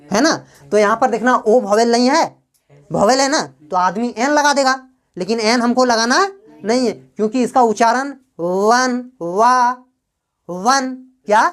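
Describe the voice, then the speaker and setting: Woman grammar teacher, slightly high voice, quizzing the class with questions she answers herself. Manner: drags out example words slowly.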